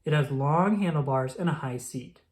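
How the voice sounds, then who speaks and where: Here a storyteller reads from a children's picture book, articulating crisply and instructively. The pitch is medium, the speed normal, and the timbre leans dark.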